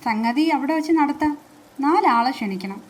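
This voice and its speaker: A woman's voice: high voice, lively intonation, moderate pace. A woman voicing a confident middle-aged village man who arranges a marriage, talking in an assured, reassuring way.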